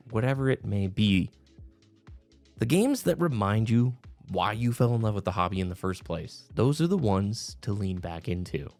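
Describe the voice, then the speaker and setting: Male commentator, fairly deep, earnest and emphatic, reflective opinion delivery with light music underneath. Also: darkish tone. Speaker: video game commentator. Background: background music.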